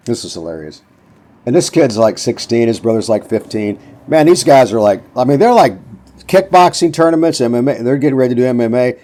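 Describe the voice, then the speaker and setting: A man's voice: medium pitch, expressive, fairly quick, dark tone. Older man in his seventies telling gym stories. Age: 70s. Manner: folksy storyteller, acts out quotes. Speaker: podcast host. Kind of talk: casual motivational talk.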